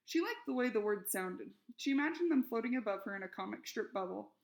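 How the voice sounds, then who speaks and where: A woman reading a children's novel aloud, expressive and lively in the characters' shouted lines. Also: medium pitch, brisk, creaky. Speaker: reader.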